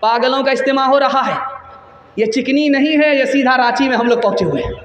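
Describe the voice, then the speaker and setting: A man with a very high, piercing voice preaches to a big gathering through a microphone. His delivery is quick and rhetorical, and he keeps calling on the crowd to respond. The sound rings with long hall reverb, and faint music runs underneath. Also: fairly bright tone. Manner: rapid rhetorical preaching, calls on crowd to raise hands. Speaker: Islamic preacher. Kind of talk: sermon at a religious gathering. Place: large religious gathering.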